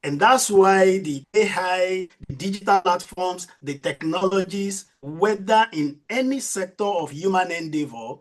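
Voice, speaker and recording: Male academic presenter on a conference call: unhurried, formal, courteous and deferential. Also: high-pitched, animated.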